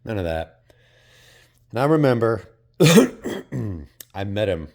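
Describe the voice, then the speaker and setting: A Portuguese vlogger delivers a casual, reflective monologue in a lowish, very animated voice that is slow, creaky and a little mellow. He rambles and hesitates, using lots of fillers and some casual swearing.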